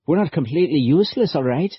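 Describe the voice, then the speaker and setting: A husky-voiced man voicing an earnest young male time-traveller who talks in a lively, folksy way. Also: a little high, fast, no room sound, pitched above the performer's own voice. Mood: persuasive. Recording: dull lo-fi audiobook recording.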